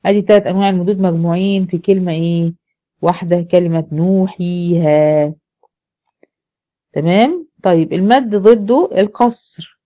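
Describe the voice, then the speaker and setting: A woman's voice: lowish voice, moderate pace, mellow, highs cut off. Egyptian woman teaching a class. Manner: explains step by step, asks the class questions and answers them herself. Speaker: Quran recitation teacher. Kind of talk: classroom lesson.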